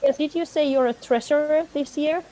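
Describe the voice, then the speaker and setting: A woman's voice: high-pitched, fairly quick, dark tone, rough recording. A woman facilitating an online meeting, friendly and laughing often as she coaxes people to speak. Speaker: session facilitator.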